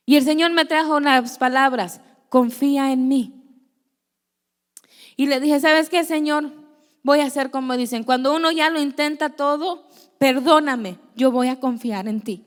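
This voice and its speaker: In a large church hall, a young adult woman with a high voice preaches an earnest testimony sermon. She tells her own story and acts out the conversations in it.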